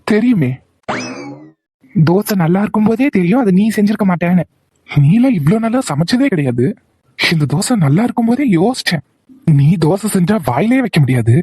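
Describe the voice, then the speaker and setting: Cocky young cartoon husband, husky mocking tone, dry sound; woman voices him. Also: medium pitch, sing-song, normal speed, pauses often, warm tone, no room sound, pitched below the performer's own voice. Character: cocky young husband who teases his wife. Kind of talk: cartoon voice acting.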